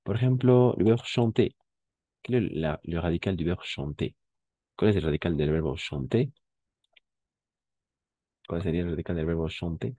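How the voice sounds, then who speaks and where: A man's voice: sits low, normal speed, pauses often, warm tone, no echo, muffled recording. A man teaching a French class, patiently explaining and repeating key words and checking that students follow. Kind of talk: live language class explanation.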